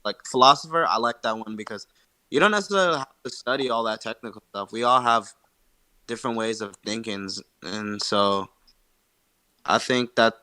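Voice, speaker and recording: Bright-voiced rambling young-sounding man. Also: fairly low pitch, normal speed, clean tone. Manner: rambling, filler-heavy, many "like"s. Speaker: participant. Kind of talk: casual voice-chat discussion.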